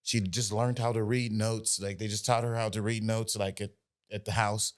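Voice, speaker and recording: A man's voice: lowish voice, little pitch movement, moderate pace. An American man in his forties, a singer, telling his story in a casual interview with many fillers and restarts. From United States. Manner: loose, rambling, lots of fillers and restarts. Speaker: guest, singer.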